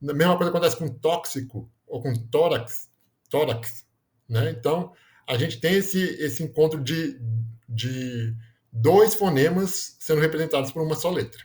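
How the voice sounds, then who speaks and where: A man's voice: a little high, moderate pace, a little mellow. A man explaining grammar in a lesson, often checking in with "né?" and correcting himself mid-word. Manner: explanatory, frequent "né?" tags, self-corrections. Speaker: teacher.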